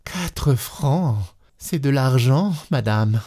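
A man's voice: a little high, lively intonation, measured pace, warm tone, pitched above the performer's own voice. A man doing a meek, resigned servant girl. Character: meek resigned female servant, gentle and pitying. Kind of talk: storybook reading.

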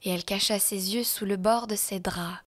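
A woman reading a classic story aloud as narrator, in measured, expressive storytelling. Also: medium pitch.

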